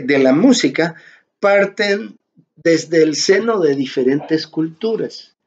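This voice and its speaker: Slow-speaking male music lecturer. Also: a little high. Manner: slow, explanatory, repeats "¿verdad?" to check understanding. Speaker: music teacher. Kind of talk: online lecture. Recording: dull lo-fi sound.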